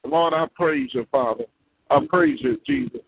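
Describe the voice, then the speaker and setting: Very animated, a prayer leader with a slightly high, gravelly voice and breathy edge prays fervently at normal speed, repeating phrases rhythmically and breaking into tongues. The tinny phone line carries no echo.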